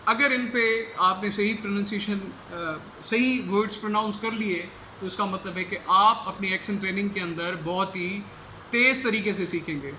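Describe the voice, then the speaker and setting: A man teaching English pronunciation, explaining in Urdu and repeating each English word slowly to demonstrate it. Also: high-pitched, bright, forceful tone, roomy sound, a little hiss or hum, low-quality recording. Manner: switches between Urdu explanation and English examples. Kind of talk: pronunciation lecture.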